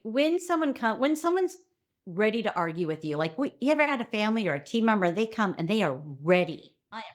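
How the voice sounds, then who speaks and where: Lively middle-aged woman explaining as a guest. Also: medium pitch, brisk. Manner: lively, breaks into acted-out quotes. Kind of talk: conversational interview explanation.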